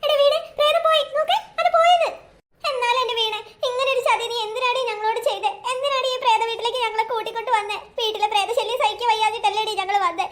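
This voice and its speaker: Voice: extremely high pitch, fairly even intonation, racing, few pauses, very noisy. A performer voicing a frightened young woman in a cartoon ghost story, pleading and wailing dramatically. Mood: fretful.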